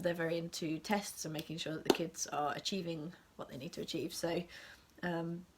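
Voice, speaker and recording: A young woman with an English accent talks casually to camera while sick with a cold. Her voice sits slightly low. She rambles along with frequent ums and drops into soft, half-whispered asides. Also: slightly rough. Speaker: assistant language teacher and vlogger.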